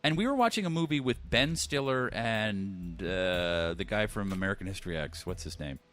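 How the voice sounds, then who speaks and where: A man riffing on a live radio show in loose, profane banter, his voice bright and forward. His pitch jumps around a lot as he gets worked up, and he breaks into laughter often. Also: lively intonation, normal speed.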